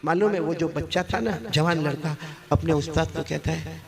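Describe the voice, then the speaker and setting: High-voiced preacher man before a crowd. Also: normal speed, gravelly. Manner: swings from low hushed lines to high shouted peaks, calls on the crowd to respond. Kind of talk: Islamic sermon storytelling. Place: large gathering with a live audience.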